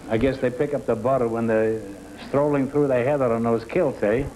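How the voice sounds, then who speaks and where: A man's voice: medium pitch, steady tone, normal speed. An older man hosts a quiz show in a drawling, teasing way, dropping puns between questions. The sound comes from an old 1960 television broadcast with a noisy hiss underneath. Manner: teasing, punning, drawling delivery. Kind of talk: wisecracking quiz show banter.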